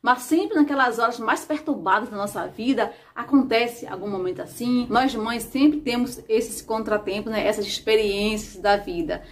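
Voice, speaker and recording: A woman with a Brazilian Portuguese accent, a mother hosting a casual parenting advice vlog in a calm, gentle, advising way. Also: fairly high pitch, normal speed, few pauses, slight background noise. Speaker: mother and channel host.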